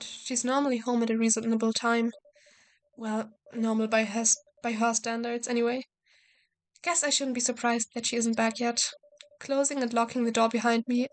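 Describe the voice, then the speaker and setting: A woman playing a visual novel, reading the text aloud and adding casual, joking commentary. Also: a little high. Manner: casual, joking, swears and laughs at herself.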